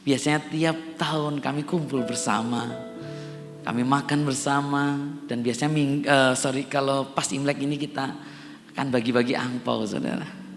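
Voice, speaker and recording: A gravelly, medium-pitched voice belongs to a middle-aged pastor from Java, Indonesia, preaching in a church hall. He addresses the congregation over and over and builds to emphatic peaks, with long church reverb and a faint instrument behind him.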